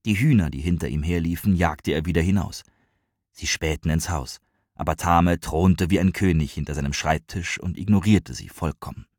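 Male audiobook narrator, calm, even, very deep, husky, dry close sound. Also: normal speed, no room sound. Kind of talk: scripted narration.

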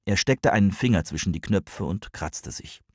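Deep, husky male storyteller. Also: animated, moderate pace, dry recording, studio quality. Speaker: audiobook narrator. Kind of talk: scripted narration.

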